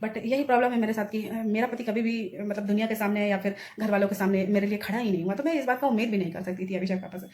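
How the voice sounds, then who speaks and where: तेज़ बोलने वाली महिला, जोशीली कहानी. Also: female voice, mid-range voice, fast, hardly any pauses. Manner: animated retelling, acts out quoted people. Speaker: vlogger. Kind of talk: casual storytelling vlog.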